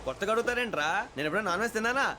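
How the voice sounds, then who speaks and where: A man's voice: high voice, lively intonation, very fast, crowd noise. An actor playing a cheeky young man who charms a girl with sly, mock-humble talk in a film comedy scene. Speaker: film comic lead. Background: film score music.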